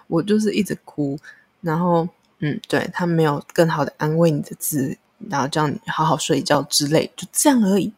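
A vlogger with a Taiwanese Mandarin accent speaking earnestly and candidly in a casual monologue about offering emotional support, drawing on personal experience. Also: mid-range voice.

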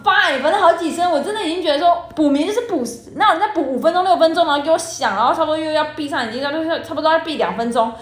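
A woman's voice: high voice, very fast, hardly any pauses. A young woman, co-hosting a casual podcast and telling stories with lots of laughter. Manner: animated storytelling, often laughing. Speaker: podcast co-host. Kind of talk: casual chat. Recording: echoey room.

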